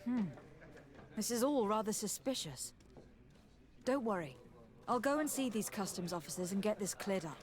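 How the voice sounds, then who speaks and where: A woman's voice: mid-range voice, expressive, moderate pace, long pauses, a crowd in the background, natural voice. A woman playing a composed, courteous noblewoman legate in a video game, formal and self-assured. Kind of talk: video game character acting.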